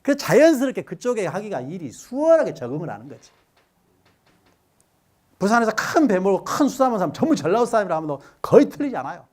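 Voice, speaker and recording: A man's voice: high-pitched, big pitch swings, quick pace, darkish tone. A middle-aged lecturer talks to a live audience. His voice rises and falls a great deal. He cracks jokes, fires questions at the crowd and leads them in repeating words back. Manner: joking, quizzes the audience and has them repeat after him.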